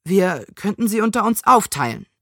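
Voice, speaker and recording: A woman's voice: medium pitch, sing-song, moderate pace, a bit bright, dry recording, studio quality. A woman voicing an anxious, boastful young boy in a storybook reading, worried and insistent.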